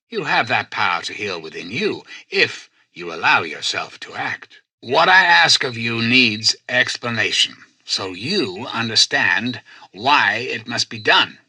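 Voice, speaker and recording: A male actor playing a self-styled president in a video game, a calculating artificial intelligence who speaks in formal, measured, persuasive oratory. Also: lowish voice, bright, forceful tone, breathy edge, no echo, full character voice. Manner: grandiose, measured, courteous, persuasive. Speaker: president addressing personnel and listeners.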